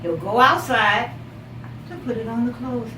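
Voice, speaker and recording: In an echoey room, a teacher with a high, lively voice reads a picture book to young children and pauses for questions. She encourages them by repeating their answers and lingers expressively on story words. The mic is distant and the background noise is loud.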